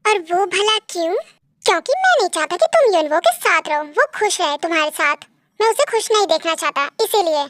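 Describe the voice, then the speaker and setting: A woman's voice: very high voice, sing-song, a little fast, a bit bright, exaggerated voice. A woman voicing an arrogant young male college mafia heir who talks curt and bossy in a voiced story reading. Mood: scheming. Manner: bossy, curt, grudgingly apologetic.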